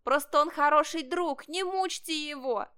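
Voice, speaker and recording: A woman's voice: normal speed, pushed and bright. A woman voicing a little kitten in a storybook reading, begging shrilly on a friend's behalf. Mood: pleading. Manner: shrill, imploring.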